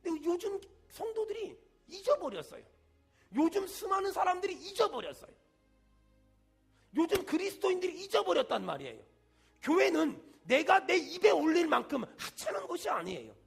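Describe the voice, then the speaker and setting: High-voiced pastor preaching emphatically. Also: male voice, sing-song, normal speed, vocal fry, faint music behind. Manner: emphatic call-and-response preaching, shouting at peaks. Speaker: senior pastor. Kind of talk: sermon.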